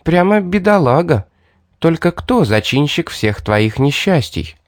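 A man's voice: mid-range voice, very animated, moderate pace, a little mellow, no room sound, studio quality, lightly acted. A man voicing a sly, predatory young woman who is part beast, purring and mocking in a storybook reading.

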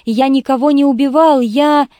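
A woman's voice: high voice, steady tone, moderate pace, mellow, no room sound, natural voice. A woman voicing a frightened teenage schoolboy who pleads tearfully in an audiobook. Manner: trembling, pleading. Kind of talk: audiobook reading.

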